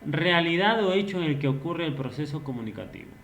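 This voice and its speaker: A man's voice: fairly high pitch, expressive, brisk, a bit bright. A man teaching a recorded online language lesson, patiently explaining and asking rhetorical questions, now and then acting out example phrases. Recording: echoey room.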